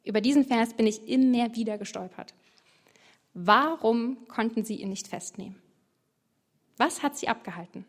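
Bible teacher, a woman, chatty and lively, asks the listener lots of questions, voice a touch high. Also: normal speed, long pauses. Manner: lively, colloquial, rhetorical questions. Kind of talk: devotional bible commentary.

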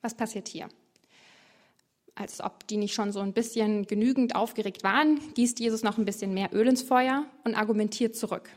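A woman teaching on a Bible passage in a lively, colloquial way, full of rhetorical questions. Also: medium pitch, normal speed. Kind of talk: devotional bible commentary.

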